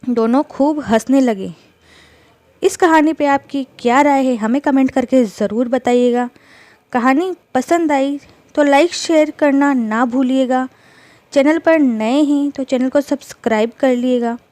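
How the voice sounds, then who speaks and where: Woman narrating a story, very slow deliberate pace, fairly high voice, dry close sound. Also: warm tone, no echo.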